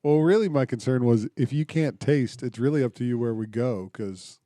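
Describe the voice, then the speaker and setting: Mellow-voiced man teasing on a podcast. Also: mid-range voice, normal speed, no room sound, studio quality. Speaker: podcast co-host. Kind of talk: casual chat.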